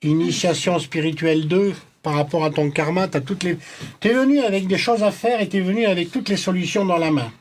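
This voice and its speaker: A man's voice: sits high, brisk. A man chatting casually as he gives spiritual numerology readings, in an informal, joking and teasing way. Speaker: numerologist guest giving readings to callers.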